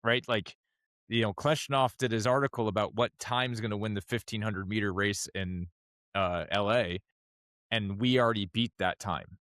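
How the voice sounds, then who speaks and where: A man guesting on a podcast in casual chat, halting with many restarts. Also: on the low side, steady tone, no echo, clean studio sound. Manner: halting, many restarts, warms up and gets emphatic.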